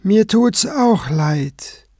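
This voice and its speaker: A man voicing a calm male cleric with dry, ironic wit in an audiobook. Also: high-pitched, extremely slow, slightly rough, no echo, pitched above the performer's own voice, full character voice.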